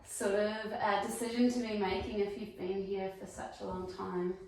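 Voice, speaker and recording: In an acted sales meeting, a woman in her forties with a New Zealand accent plays a friendly, chatty real estate agent who says um a lot. Her mid-range voice has a darkish tone and fairly even intonation at a normal speed. There's a little hiss or hum, and the mic sits far off in an echoey room.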